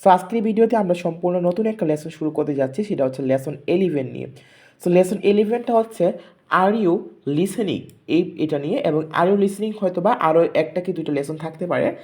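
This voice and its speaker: A teacher explaining an English textbook lesson in a video class. The teacher reads English lines slowly and often checks in with "ঠিক আছে?". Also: medium pitch, expressive, a little mellow.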